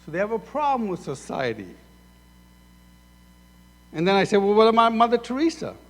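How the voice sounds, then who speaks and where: In a sanctuary recording thick with hall echo, a man from Sudan preaches in a high voice at a moderate pace. The animated pastor acts out imagined exchanges, playing both sides.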